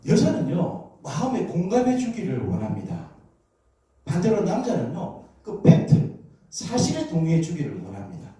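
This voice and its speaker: A man's voice: a little high, huge pitch swings, moderate pace, warm tone. A middle-aged male pastor preaching a sermon, joking with the congregation and asking them questions. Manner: humorous, asks the congregation questions. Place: church sanctuary. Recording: very echoey hall, distant mic.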